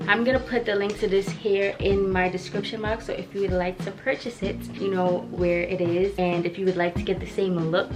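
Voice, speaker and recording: Chatty young woman, slangy voice-over. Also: medium pitch. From Trinidad and Brooklyn. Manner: chatty and slangy, addresses viewers as y'all. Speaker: hairstylist and vlogger. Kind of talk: casual voice-over hair tutorial. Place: voice-over, not recorded in the pictured place.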